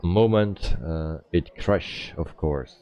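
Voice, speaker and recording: A man giving casual live-stream commentary as a flight simulator player, with halting, hesitant phrasing. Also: deep voice, warm tone.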